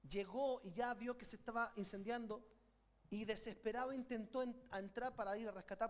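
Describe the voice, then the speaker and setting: A middle-aged man with a Chilean accent, preaching a sermon with passion and calling his congregation to repeat after him. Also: extremely high pitch. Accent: Chilean Spanish. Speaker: pastor. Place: church sanctuary.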